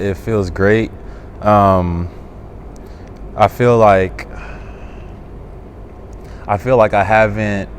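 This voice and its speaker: A man in his thirties from California, a basketball player talking casually as an interview guest, relaxed and full of fillers. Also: lowish voice, a little hiss or hum. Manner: relaxed, easygoing, many fillers and restarts. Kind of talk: casual interview while shooting around. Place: indoor basketball court.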